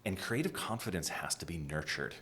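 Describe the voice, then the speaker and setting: A middle-aged American man from New England, a design executive giving an animated interview and dropping to a whisper for emphasis. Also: sits low, a little fast, slight background noise. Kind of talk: conversational interview.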